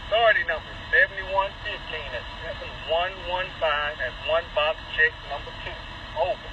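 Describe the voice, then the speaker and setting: A train crewman uses radio procedure talk, carefully reading numbers back one digit at a time over a two-way radio. He speaks at normal speed with a voice on the high side, heard through muffled radio and engine noise.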